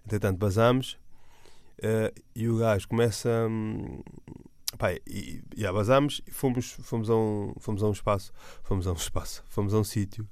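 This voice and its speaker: This stand-up comedian speaks with a European Portuguese accent, his voice fairly low and darkish, at a normal pace with no room echo. He tells a rambling story in casual slang, full of restarts and fillers.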